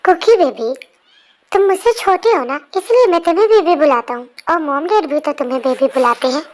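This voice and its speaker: A young performer voicing a gentle, friendly little boy who pleads softly in an amateur fan dub. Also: high voice, lively intonation, fairly quick. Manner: soft, pleading.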